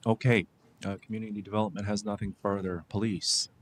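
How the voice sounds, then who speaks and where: A man chairing a city committee meeting, calling on departments in brisk procedural turns. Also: lowish voice, steady tone, slight background noise. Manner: brisk procedural roll calls.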